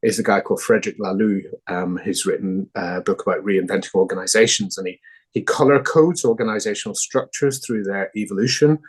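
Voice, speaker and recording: A man's voice: fairly low pitch, fairly quick, breathy edge. A man with a Northern Irish accent, a founding director answering interview questions thoughtfully, with hesitant fillers. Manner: thoughtful, many fillers and restarts.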